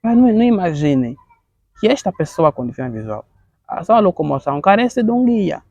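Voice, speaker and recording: A man in his thirties speaks Portuguese with an Angolan accent. His voice sits somewhat high with a gravelly edge, and his earnest testimony halts often as he repeats words. The recording is dry and dull, like a cheap lo-fi mic. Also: big pitch swings, darkish tone, no room sound. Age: 30s. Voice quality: gravelly, halting with frequent word repetitions.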